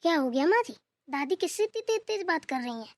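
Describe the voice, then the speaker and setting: A woman's voice: extremely high pitch, big pitch swings, fast talker, no echo, studio quality. A woman doing a puzzled woman of the house. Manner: puzzled, questioning.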